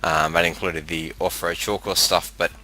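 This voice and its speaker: Deep, bright Australian man on cheap headset mic. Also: flat delivery, normal speed, rough recording. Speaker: video game presenter. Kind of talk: casual screen-capture commentary. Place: room with a fan running.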